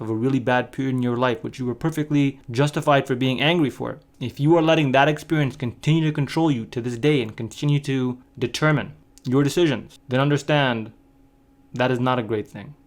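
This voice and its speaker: Male commentary host, mid pitch, calm and analytical. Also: a little fast. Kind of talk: casual reaction commentary.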